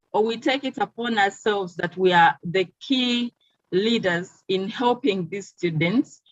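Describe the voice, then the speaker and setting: A woman from Uganda, a teacher and teacher trainer, giving a measured webinar presentation with frequent "um" pauses over a video call. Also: medium pitch, dry recording. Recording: dull, dry video-call audio.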